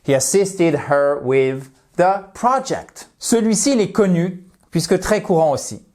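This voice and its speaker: A man teaching English vocabulary in a video lesson, deliberately repeating each example sentence. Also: sits high, lively intonation, a little mellow. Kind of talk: video lesson for French speakers.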